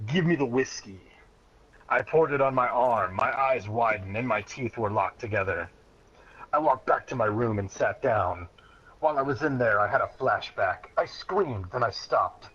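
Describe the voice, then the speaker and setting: A slightly bright, medium-pitched male voice delivers a childhood story with mock solemnity and drama, frequently on the verge of laughing. The recording sounds dull and lo-fi, and background noise comes through clearly.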